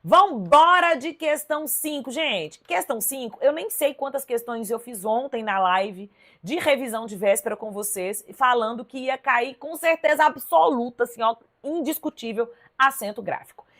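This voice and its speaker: A Brazilian woman with a fairly high voice teaches a live online class. She works through exam questions in a lively, emphatic way and keeps turning to her viewers to check that they follow. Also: normal speed. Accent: Brazilian Portuguese. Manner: lively, emphatic, addresses viewers directly with "ó" and "tá vendo?". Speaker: Portuguese teacher.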